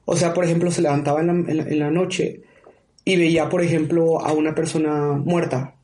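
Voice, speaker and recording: A curious male interviewer asks his guest probing follow-up questions in a casual tone. His voice is notably high for a man. The room adds a clear echo. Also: level tone, a little fast, dark tone. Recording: roomy, echoey room.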